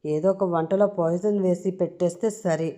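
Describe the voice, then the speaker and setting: A woman's voice: lowish voice, steady tone, moderate pace, dark tone, natural voice. A woman voicing a young woman held captive, indignant and pleading, grumbling under her breath. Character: young captive woman, defiant yet frightened.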